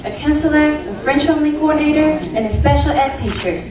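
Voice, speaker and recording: A woman's voice: sits high, quick pace. Young woman from the DR Congo, earnest rehearsed pageant speech, distant and echoey. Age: young adult. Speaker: pageant contestant. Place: large indoor event hall. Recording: echoey hall from far off, crowd noise.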